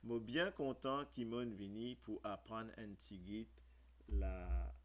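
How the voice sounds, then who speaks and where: A man with a Mauritian Creole accent hosting a casual radio lesson, spelling words out letter by letter and pausing often on fillers. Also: on the low side.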